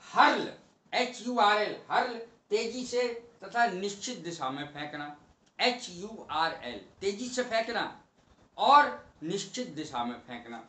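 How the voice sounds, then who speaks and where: A man teaching English vocabulary in a slow, methodical lesson, spelling each word out letter by letter. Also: high-pitched, sing-song, sharp tone, echoey room.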